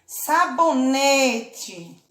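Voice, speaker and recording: Brazilian lady teacher talking slow to kids, high voice, roomy echo. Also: animated, background noise. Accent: Brazilian Portuguese. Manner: slow, patient, drawn-out syllables with check-in questions. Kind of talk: children's lesson, clapping out syllables.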